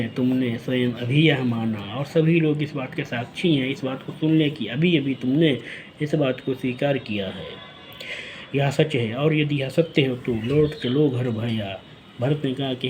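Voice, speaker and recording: A man's voice: medium pitch, a little mellow, a little hiss or hum, poor audio. A man teaching a poetry lesson, reciting verse lines and then explaining them phrase by phrase.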